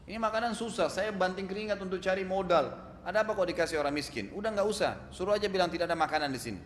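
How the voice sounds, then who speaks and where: A man's voice: high-pitched, rapid-fire, slight background noise, voice pushed up, close to an everyday voice. A man voicing a proud, stingy rich husband who scolds his wife, in an echoey hall. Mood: angry. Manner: scolding, raised voice. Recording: echoey hall, faint ambience.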